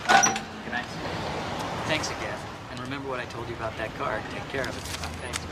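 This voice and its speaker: A man's voice: medium pitch, fairly even intonation, moderate pace, lightly acted. An actor playing an easygoing, teasing salesman. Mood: joking. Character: joking, easygoing male car salesman colleague. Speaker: car salesman. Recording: TV movie audio with loud background noise.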